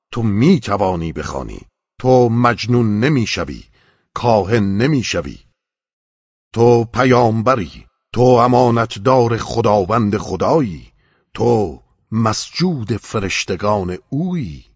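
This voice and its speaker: A man's voice: fairly low pitch, very animated, slightly rough, no room sound, voice pushed up, heavily acted. A man voicing a commanding heavenly presence that insists fervently, in a dull, slightly muffled recording.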